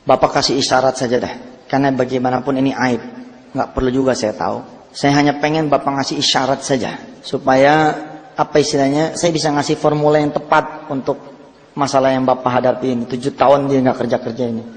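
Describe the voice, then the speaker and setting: Animated preacher with hall reverb. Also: male voice, medium pitch, fairly quick. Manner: animated, swings between loud emphatic and hushed storytelling. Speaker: Islamic preacher. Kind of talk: sermon with storytelling.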